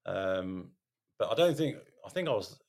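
A man, a podcast host, telling his own story in a candid interview, halting, with many ums and repeated words. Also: low-pitched, very animated, darkish tone.

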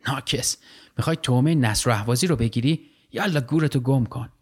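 A man's voice: mid-range voice, breathy edge, natural voice. A man voicing a boastful, fierce male river fisherman who taunts his prey in a storybook reading. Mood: taunting.

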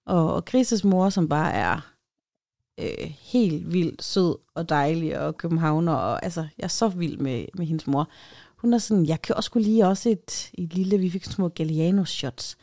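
A woman's voice: fairly low pitch, vocal fry, dark tone, dry recording, studio quality. A woman from Denmark, a podcast co-host, telling a story in casual chat and acting out the quotes of the people in it with changed voices.

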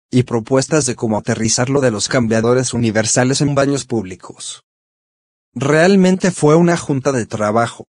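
Synthetic male narrator, medium pitch, measured scripted diary delivery, very dry close sound. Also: breathy edge, dry recording. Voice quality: synthetic text-to-speech voice. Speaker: columnist narrating his weekly diary. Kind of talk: scripted first-person narration.

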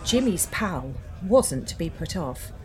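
Slow, low-voiced woman storyteller. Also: very animated, music in the background. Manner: slow, measured and dramatic. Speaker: podcast co-host and storyteller. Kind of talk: fireside storytelling narration.

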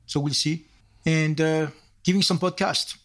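A man's voice: a little high, fairly even intonation, a little slow. An older man with a French accent, a guest in a podcast interview, explaining concepts point by point with frequent restarts. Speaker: guest, software architect. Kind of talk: interview answers.

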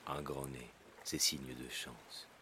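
A woman voicing a kindly old male sailor in a storybook reading, gentle and reassuring, with music playing behind him. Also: very deep voice, fairly even intonation, slow pace, a little hiss or hum, voice pushed down, heavily acted. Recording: loud music underneath, distant voice.

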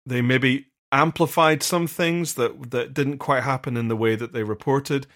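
A man's voice: medium pitch, fairly even intonation, unhurried, fairly bright tone. Earnest man explaining with many restarts. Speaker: podcast co-host, vicar. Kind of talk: casual discussion.

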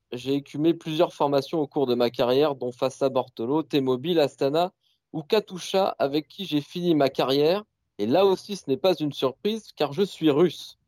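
Man, quiz master, playful, slightly high voice, dry close sound. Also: a little mellow, no room sound. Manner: playful, announcing. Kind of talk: reading quiz riddles.

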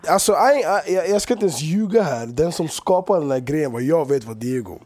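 A young man appears as a guest on a relaxed podcast. He tells his stories in an animated way, peppered with casual street slang. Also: fairly high pitch, no room sound.

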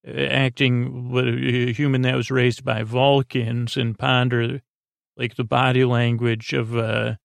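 Hosting his bedtime podcast without a script, this man rambles, stops short and repeats himself in a goofy, whimsical, self-deprecating way. His medium-pitched voice is gravelly and flat, and the recording is dry.

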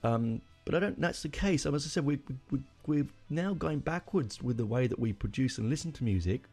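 With lively intonation and a fairly quick pace, a middle-aged man hosts his podcast alone in a medium-pitched, slightly mellow voice as faint music plays. The talk is casual and opinionated, meandering along with frequent mid-sentence self-corrections.

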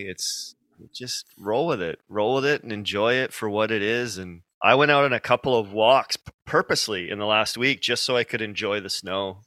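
Male podcast guest, lowish and bright, easygoing, reflective conversational delivery, close dry sound. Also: dry recording. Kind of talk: casual conversation.

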